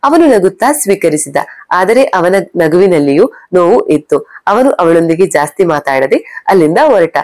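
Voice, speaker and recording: A woman's voice: on the low side, big pitch swings, normal speed, darkish tone, dry recording. Woman storyteller with a dry, close voice. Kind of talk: scripted narration.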